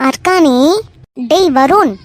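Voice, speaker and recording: A woman voicing a fussing middle-aged mother in an animated cartoon, nagging, with a Kanyakumari Tamil accent. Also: extremely high pitch, slow, no echo.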